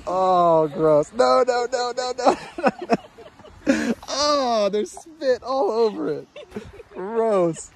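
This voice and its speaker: A man's voice: very high-pitched, expressive, drawn-out words. A man narrating his hike casually into a handheld camera outdoors, chatting and playfully scolding the animals around him. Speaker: hiking vlogger. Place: outdoors on an alpine pasture and trail.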